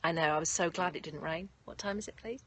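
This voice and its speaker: A woman teaching yoga nidra outdoors, who guides a meditation and then chats to her live viewers in a gentle, effusive way. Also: low-pitched, fast talker. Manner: gentle, effusive, often laughing. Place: outdoors in nature. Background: faint birds and distant traffic.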